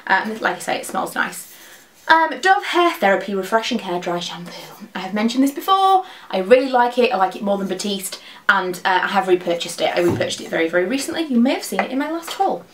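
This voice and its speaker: A woman, talking very fast in a casual, rambling product review to camera. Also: medium pitch, sing-song, a little hiss or hum. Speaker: beauty vlogger. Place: small dressing room at home, indoors.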